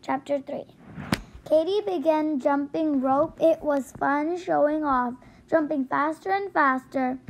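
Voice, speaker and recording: A woman with a high voice reads a children's storybook aloud. She goes slowly and carefully, now and then catching a word and starting it again. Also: slight background noise, rough recording. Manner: careful, with slips and restarts. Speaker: storybook reader. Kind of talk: reading a children's book aloud.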